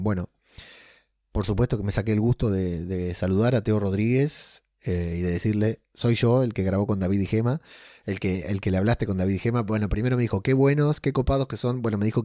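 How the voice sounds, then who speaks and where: A man's voice: fairly low pitch, dark tone, no room sound, studio quality. A man with an Argentine accent, rambling casually as a podcast host with many fillers and restarts. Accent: Argentine Spanish. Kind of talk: casual personal monologue.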